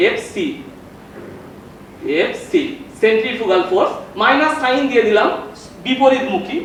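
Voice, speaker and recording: A man teaching a televised physics lesson with a Bengali accent, explaining slowly and repeating points with questions to the students. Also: very high voice, fairly bright tone. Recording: very echoey room, distant mic, faint noise.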